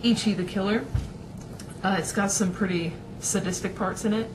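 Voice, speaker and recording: A woman's voice: medium pitch, fairly even intonation, normal speed, background noise. A young woman talking casually to her webcam in a small room at home, rambling with lots of fillers. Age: young adult. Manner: rambling, chatty, many fillers and restarts. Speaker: vlogger. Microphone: webcam at desk.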